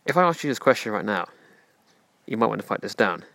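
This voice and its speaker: Male podcast host, low-pitched, earnest self-help lecturing, dry recording. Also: big pitch swings, fast, gravelly, a bit bright, no room sound. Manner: earnest, preachy, direct address to listener.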